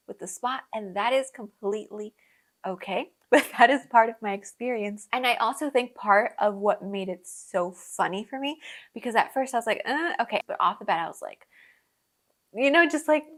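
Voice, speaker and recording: A woman's voice: on the high side, normal speed. A young woman who was born in Colombia and grew up in the US, hosting a podcast and telling travel stories in a chatty way, with lots of fillers, laughing often and acting out her own reactions. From born in Colombia, raised in the US. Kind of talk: casual storytelling chat.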